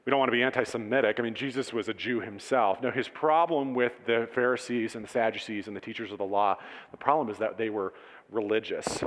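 A man preaching a conversational sermon, casual and animated, asking the congregation questions. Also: fairly low pitch, quick pace. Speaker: pastor. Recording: long hall reverb.

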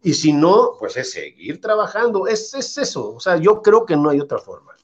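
A man, a former goalkeeper, telling anecdotes in an interview with lively asides. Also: on the high side, moderate pace, muffled recording. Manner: animated anecdotes, quotes the coach in character. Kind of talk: casual interview storytelling.

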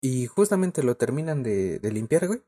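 A young man speaking with a Mexican Spanish accent co-hosts a podcast, laughing often as he tells a story in slangy, casual conversation. His mid-range voice is sing-song, dark and husky, at a normal speed.

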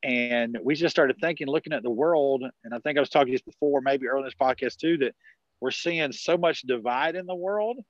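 A man's voice: medium pitch, brisk, no echo, muffled recording. A man in his forties from South Carolina with a rural South Carolina accent, a podcast guest talking in a rambling way over a video call. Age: 40s. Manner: rambling, many restarts and fillers. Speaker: podcast guest, network marketer. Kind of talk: casual conversational interview.

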